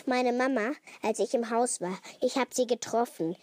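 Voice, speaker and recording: A woman voicing an excited, curious nine-year-old girl in a spoken children's story. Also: on the high side, normal speed, close to an everyday voice. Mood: chatty.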